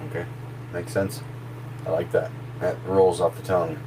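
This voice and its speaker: A horror story narrator and voice actor with a very deep, low voice chats loosely on a live stream at normal speed. He's relaxed, drifts from thought to thought, and laughs easily, while a steady background hum runs clearly underneath.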